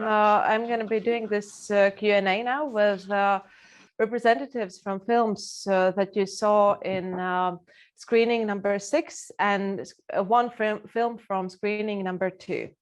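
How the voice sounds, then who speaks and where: A woman moderating an informal film panel, speaking in a hesitant, halting way. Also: mid-range voice.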